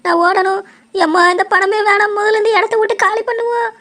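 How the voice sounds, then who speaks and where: Woman doing a shrill panicky village woman. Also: fairly even intonation, a little fast, fairly bright tone. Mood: frightened. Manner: shrieking, wailing "aiyo" in fright. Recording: music playing behind the voice.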